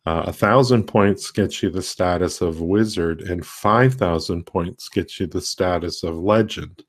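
A man hosting a casual tutorial livestream, talking in a rambling, halting way with many fillers and restarts. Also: sits low. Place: home desk with a laptop.

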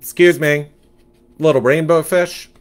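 A man's voice: on the high side, fairly even intonation, measured pace, pitched above the performer's own voice, lightly acted. A man voicing a sassy, gossipy male catfish who dramatically gives life advice in a storybook. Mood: inquisitive.

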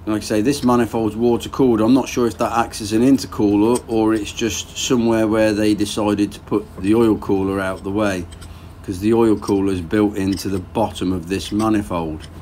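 At normal speed with few pauses, a lowish-voiced man in his thirties narrates his boat engine rebuild while working in a garage. He thinks aloud casually in a relaxed, plain-spoken way, over a slight hiss or hum.

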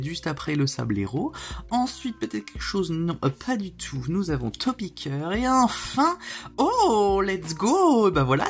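A man chatting casually to viewers as he opens card packs, easily excited. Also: high voice. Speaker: card-opening video host. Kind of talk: casual chat while opening card packs.

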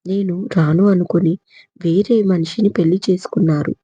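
A woman's voice: lowish voice, fairly even intonation, moderate pace, mellow, husky, no echo, lo-fi sound. A woman voicing a tearful hurt young woman. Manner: pleading, tearful. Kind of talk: audiobook character reading.

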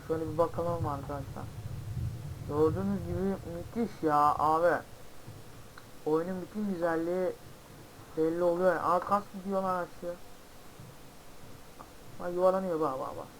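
Excitable young man narrating gameplay. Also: a little high. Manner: excitable, chatty, swears and yelps at the game. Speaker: gameplay streamer. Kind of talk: casual gameplay commentary. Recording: single mic with game sound behind. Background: game ambience and vehicle noise.

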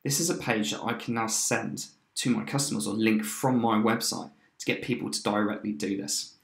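A man in his thirties giving an upbeat, chatty screen-share walkthrough of a software tool, with fillers and quick restarts. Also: fairly low pitch, steady tone, gravelly. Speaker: software demo presenter. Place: indoor room, webcam in corner of screen share. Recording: roomy echo.

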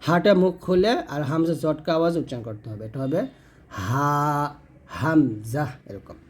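Man slowly teaching Arabic letter sounds. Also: a little high, expressive, a little mellow. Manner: demonstrates letter sounds slowly, then explains plainly; self-corrects mid-lesson. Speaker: Quran recitation teacher. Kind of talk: Quran pronunciation lesson.

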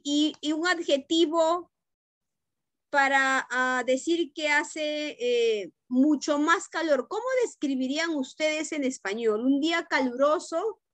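A woman's voice: sits high, fairly bright tone, no echo. A woman teacher leads an online class, correcting students' pronunciation and checking in often. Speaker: English teacher. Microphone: video call.

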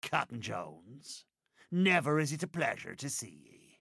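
Gravelly, swaggering pirate Captain Barbossa. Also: male voice, medium pitch, very animated, a bit bright, dry recording, clean studio sound, exaggerated voice. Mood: sardonic greeting. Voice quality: gravelly, creaky. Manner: theatrical, drawn-out archaic pirate speech. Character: swaggering, sly pirate captain, grandly courteous middle-aged man. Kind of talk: video game character voice lines.

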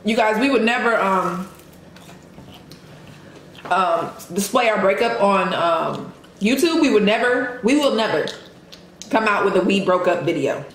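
A woman's voice: mid-range voice, animated, measured pace, long pauses, a bit bright. A woman in her thirties having a casual chat as she eats at a table. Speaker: co-host of mukbang video. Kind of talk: casual chat while eating. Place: indoor room at a table, eating. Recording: very echoey room, faint noise.

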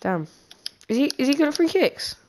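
A woman giving casual pack-opening commentary, excitable and quick to get nervous. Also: high voice, slight background noise. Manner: excitable, easily scared. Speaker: gaming channel co-host.

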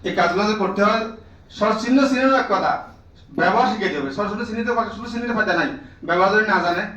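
A man's voice: high-pitched, quick pace, sharp tone, reverberant, recorded from a distance, rough recording. A man training teachers in a classroom lecture, drilling the room with repeated questions and prodding listeners to answer.

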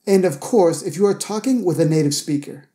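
Mellow man teaching English pronunciation. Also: sits high. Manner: slow, careful enunciation of example words. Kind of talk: scripted pronunciation lesson.

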